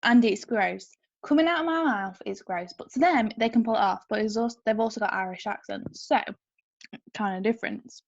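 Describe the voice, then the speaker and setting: Giggly woman with a gravelly voice. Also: on the high side, brisk, dry recording. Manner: giggly, blunt and playful. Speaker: podcast co-host. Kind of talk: casual chat. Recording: dull lo-fi mic.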